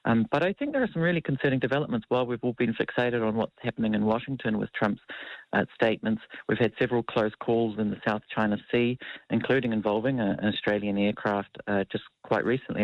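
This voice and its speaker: A man, a foreign policy analyst speaking in a measured, hedging way with frequent ums and uhs, heard with a tinny radio-speaker sound. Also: lowish voice, fairly even intonation, dry recording. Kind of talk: radio news interview. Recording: dull lo-fi dry radio sound.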